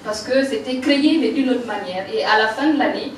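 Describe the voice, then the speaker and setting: A makeup artist in her 40s with a Burkinabe French accent tells her life story animatedly and briskly, laughing and hesitating often. Her voice is slightly high, and the distant mic in a reverberant room picks up slight background noise and faint ambience.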